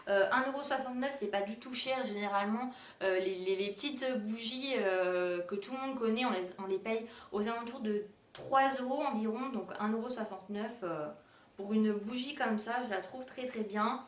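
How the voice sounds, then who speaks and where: A woman's voice: on the high side, normal speed. A young woman chatting casually through a shopping haul, hesitant, with many fillers. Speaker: beauty and decor vlogger. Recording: roomy echo, distant mic.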